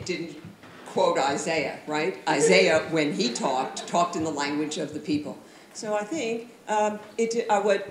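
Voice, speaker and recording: A woman speaking briskly on a panel, with frequent fillers. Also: on the low side, a little hiss or hum. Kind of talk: academic panel discussion. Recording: roomy hall with faint ambience.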